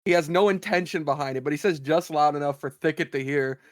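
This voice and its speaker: A man with a fairly high voice narrates his character's actions in a tabletop role-play game. He sounds dry and close to the mic. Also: fast talker, no echo. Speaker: player.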